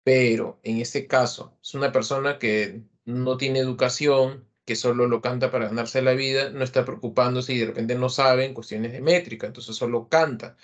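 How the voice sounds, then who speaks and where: A man's voice: mid-range voice, steady tone, moderate pace, hardly any pauses. A man teaching a literature class online, explaining verse and rhyme in a patient lecturing style, with many fillers and tag questions. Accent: Peruvian Spanish.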